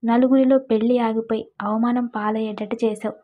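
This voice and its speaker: A woman's voice: fairly high pitch, steady tone, brisk, close to an everyday voice. A woman voicing a bitter, jilted young man in a storybook romance, talking in a threatening way, on a dull lo-fi recording.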